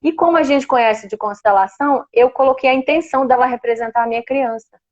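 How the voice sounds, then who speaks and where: A woman's voice: high-pitched, fast talker, a little mellow, highs cut off. A woman with a Brazilian Portuguese accent, a guest telling a personal story in a heartfelt, emotional way. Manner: heartfelt, emotional, laughs now and then. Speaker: guest sharing a personal experience.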